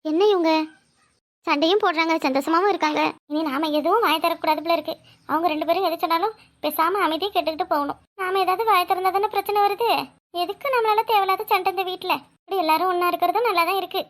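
A woman's voice: very high voice, steady tone, fast. A woman voicing a meek young daughter-in-law. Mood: thoughtful. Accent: Kanyakumari Tamil. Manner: soft, reflective, pleading. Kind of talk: cartoon voice acting.

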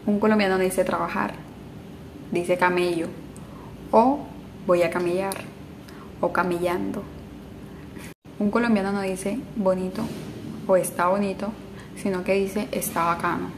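A woman talking casually to camera, running through slang terms in a playful, rhythmic back-and-forth. Her pitch sits at an ordinary middle level, and a faint noise hangs in the background. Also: steady tone, a little slow, long pauses. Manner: playful, rhythmic contrasting of everyday sayings. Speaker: vlogger. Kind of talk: casual spoken explainer of slang.

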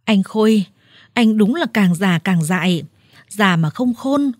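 A woman voicing a furious older village woman who scolds her brother in a harsh, shouting manner. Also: medium pitch, lively intonation, fairly quick, husky, dry recording, clean studio sound.

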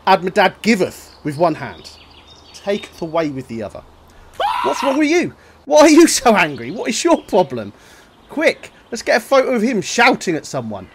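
A man commentating his own playthrough of a game in an animated, joking, self-mocking way, full of exclamations. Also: high-pitched, moderate pace, noisy background. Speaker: gaming video host. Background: game music.

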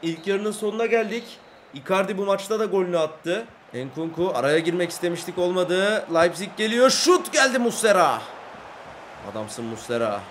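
A young man with a fairly high voice narrates his football video game, chatting calmly one moment and shouting play-by-play the next. There is a faint hiss of noise behind him. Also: moderate pace. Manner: swings from calm chat to shouted play-by-play. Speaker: gaming YouTuber. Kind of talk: excited game commentary.

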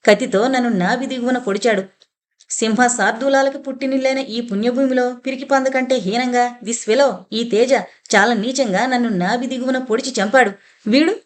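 A woman's voice: a little high, steady tone, moderate pace, close to an everyday voice. A woman voicing an enraged young army man who believes he is a dead major, roaring and accusing. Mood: furious. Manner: roaring, accusing, shouting in fury.

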